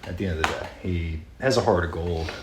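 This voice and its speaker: Deep-voiced young podcast host in a garage. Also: male voice, brisk. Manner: laid-back joking, opens the show. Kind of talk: casual banter. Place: unheated home garage. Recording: echoey garage with noticeable noise.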